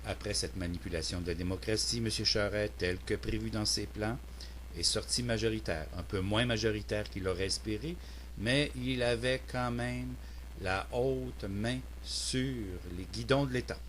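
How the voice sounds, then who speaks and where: A Québécois man from Quebec, Canada, his voice fairly low and his pace normal, reads a prepared political opinion monologue as a citizen commentator. He speaks in a formal, earnest, declamatory way, with a little hiss or hum on the recording.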